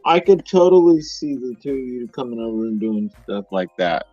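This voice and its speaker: A man from the San Diego area hosting a casual chat, telling stories in a relaxed, rambling way. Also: medium pitch, moderate pace, dry recording, highs cut off, faint music behind. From San Diego area, United States. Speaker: host.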